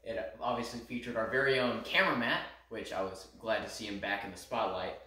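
A man with a bright, sharp-edged voice gives joking, mock-boastful takes in a casual chat. He sounds distant from the mic in a very echoey room, with faint hiss behind. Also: lowish voice, steady tone, a little fast. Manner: playful, mock-boastful, jokey. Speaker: co-host and cameraman.

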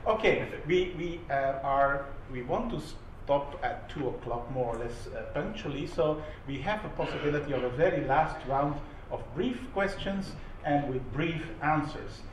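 A man moderating a roundtable discussion in a conference room, measured and academic with small jokes. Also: fairly high pitch. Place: conference room with a panel on stage. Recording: echoey room, distant mic, audible hum.

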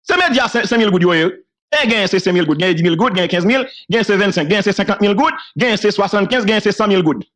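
A Haitian man with a high voice tells a story in a loose, casual monologue. He slips into the voices of the people he quotes and laughs often as he goes. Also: fast. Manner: animated retelling, acts out quoted dialogue, laughs often.

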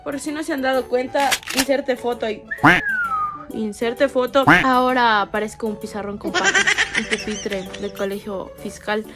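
A woman's voice: on the high side, moderate pace. A young woman telling a storytime vlog in a playful, slangy way, laughing at her own jokes. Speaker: vlogger. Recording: music playing behind.

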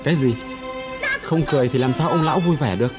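A man dubbing a cartoon, voicing several characters in a gentle, childlike storybook way. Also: medium pitch, fast. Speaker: dubbing voice actor. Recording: voice over loud background music. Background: loud music.

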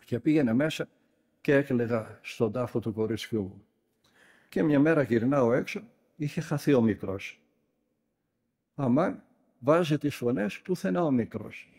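A monk preaching with a dark, mellow voice of middle pitch. He tells stories in a lively way and drives his points home with emphatic, scolding remarks. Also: husky. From Greece. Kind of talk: sermon.

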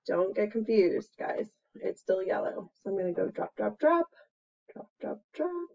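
An American woman of about forty, in her 30s to 40s, chats casually to camera as a preschool teacher showing an activity, playful and expressive with exclamations and sound words. Her pitch is fairly high. She's in a small plain room at home, caught by a computer webcam mic at arm's length, giving dull, lo-fi sound.

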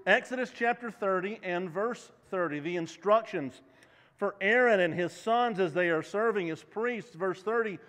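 High-voiced preacher in a reverberant church. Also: male voice, normal speed, a bit bright. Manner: walks the stage, gestures, asks the congregation questions. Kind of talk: sermon. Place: church sanctuary. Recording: long reverb of a church hall.

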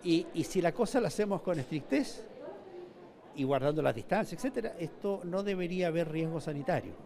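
An older mall manager with a Chilean Spanish accent answers a reporter's questions in a news interview, often restarting and repeating words. His voice is fairly high, animated, fairly quick, with vocal fry and a dark tone. He's recorded on the reporter's handheld mic in an indoor shopping mall corridor.

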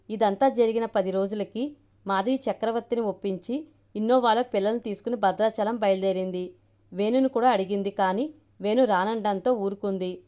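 A woman reading a family story aloud as an audiobook narrator, in a steady, even way. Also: mid-range voice.

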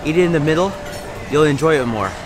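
A man's voice: on the high side, animated, fast talker. A man vlogging casually to camera in a busy buffet restaurant, hyping the food to his viewers. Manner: upbeat, hypes the food to viewers. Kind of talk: casual vlog chat to camera. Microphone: handheld camera at arm's length.

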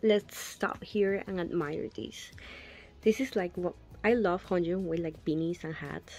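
A young woman with a lowish voice speaks a little slowly over faint background music. She unboxes a photobook in casual commentary, gushing over each photo with breathy gasps and quiet whispered asides.

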